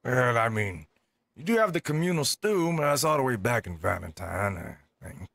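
A man improvising casually in a game roleplay, hesitant and stammering, repeating his words, with a gravelly, husky voice. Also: mid-range voice, very animated, moderate pace, a bit bright, no room sound.

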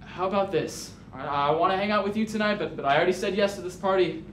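A man's voice: high voice, fast, fairly bright tone. A young man playing a teenage basketball player who wants to fit in, talking in a stammering, apologetic way. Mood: pleading. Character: teen basketball player, torn, eager to fit in. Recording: roomy echo, faint noise.

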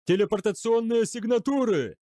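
A man voicing a frantic male bridge officer who yells battle reports. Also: expressive, normal speed, dry recording, studio quality, lightly acted. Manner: yells reports, high-pitched.

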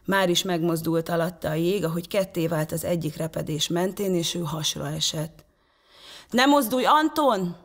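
Low-voiced woman reading a children's story. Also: level tone. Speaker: storyteller at a theatre. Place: theatre prompter's box.

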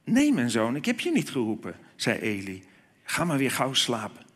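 A man preacher voicing an old, nearly blind priest who speaks calmly and reassuringly. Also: mid-range voice, normal speed, slightly rough, long reverb tail, pitched below the performer's own voice, exaggerated voice. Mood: gentle. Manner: calm, reassuring.

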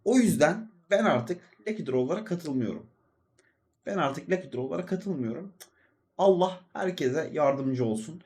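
A man's voice: a little high, animated, a little slow, a little mellow. A young man casually commenting over his gameplay, rambling and chatty as he talks straight to his viewers. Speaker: gaming video host and streamer.

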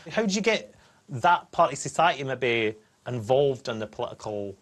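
An actor playing a cheerful, dim Scottish soldier who interviews guests in a comedy show, blunt and rambling. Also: male voice, medium pitch, very animated, moderate pace, fairly bright tone. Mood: cheeky.

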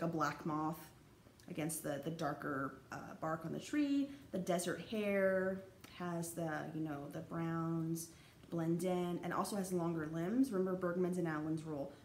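A woman's voice: fairly low pitch, a little mellow. A young woman giving a casual, rambling college lecture over slides, full of fillers and restarts. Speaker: college anthropology instructor. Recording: echoey room, faint background noise.

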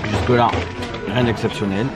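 Loud music plays as a vlogger in his thirties talks at a moderate pace, his lowish voice fairly even in intonation. Inside a large wooden restaurant hall full of crowd noise, he holds the camera at arm's length and chats casually, repeating himself and tagging phrases.

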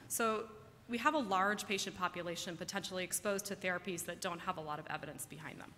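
A woman's voice: on the low side, fast, bright, forceful tone. A woman giving a medical conference lecture in a conversational way, putting questions to her listeners. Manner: conversational, engages audience with questions. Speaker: medical researcher presenting. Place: large indoor presentation room. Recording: reverberant hall, clear background noise.

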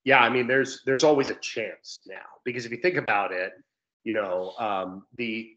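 A young sports commentator with a lowish, slightly bright voice is a guest on a video-call interview from a room at home. He is talkative and explanatory, working through his points conversationally. The recording is rough.

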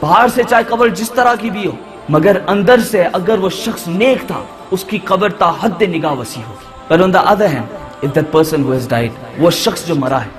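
A male preacher gives an impassioned sermon in a very high-pitched voice. He speaks quickly and drives his points home with repeated phrases and rhetorical questions. Music plays clearly behind him. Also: expressive. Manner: rhetorical questions and emphatic repetition.

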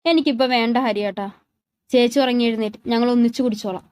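A sweet, innocent young woman who talks earnestly and worries over the people she cares about, voiced by a woman reading a story. Her voice is high, and the sound is dry. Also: fast talker, darkish tone, smooth, dry recording, natural voice. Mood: playful.

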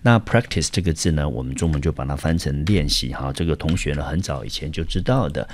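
Very deep-voiced male English teacher. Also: lively intonation, fairly quick, slight background noise. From Taiwan. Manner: patient, explains step by step with fillers like 好 and 呢. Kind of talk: vocabulary lesson.

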